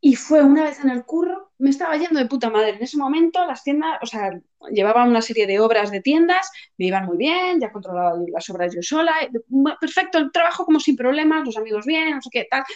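A woman with a Spain Spanish accent in casual chat, telling a personal story with lively acted-out quotes and frequent swearing. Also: high voice, fairly quick. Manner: lively storytelling, acting out her own quoted lines, swears freely. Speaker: podcast co-host. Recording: dull lo-fi sound.

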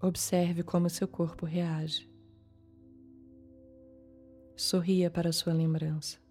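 A Brazilian woman leading a guided meditation in a calm, soothing manner, leaving long pauses between short phrases. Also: lowish voice. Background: soft music.

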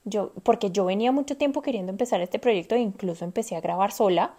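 A young woman co-hosting a casual podcast chat, lively and acting out the things people say to themselves. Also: medium pitch, quick pace. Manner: animated, acts out quoted self-talk. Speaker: podcast co-host.

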